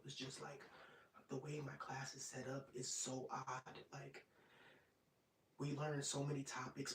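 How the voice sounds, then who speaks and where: A man of twenty-five hosting an ASMR live stream, chatting casually and rambling, sometimes dropping into soft whispers. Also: medium pitch, recorded from a distance. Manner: rambling and relaxed, drops into soft whispers at times. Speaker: ASMR channel host. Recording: roomy, off-mic sound with faint noise.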